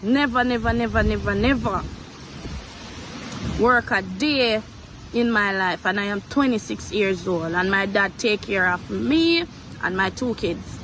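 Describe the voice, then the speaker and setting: An earnest Jamaican woman in her twenties tells her own story, stressing points by saying them again. Her voice sits at a middle pitch for a woman. A steady hiss of background noise runs under the recording. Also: a little slow. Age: 20s. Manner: earnest, repeats herself for emphasis. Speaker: guest telling her story. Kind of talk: emotional personal account. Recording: noisy background.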